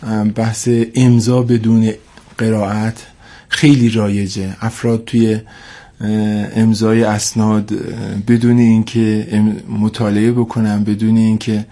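A man with a cold and a stuffy, congested nose speaks in a fairly low, mellow voice with little pitch movement. He is an expert guest in a radio interview, talking formally and hesitantly and repeating points for emphasis.

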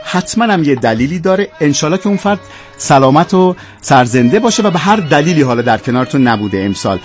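A man's voice: fairly high pitch, sing-song. A man hosting a radio programme, speaking in a presenter's style. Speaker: radio host. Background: music.

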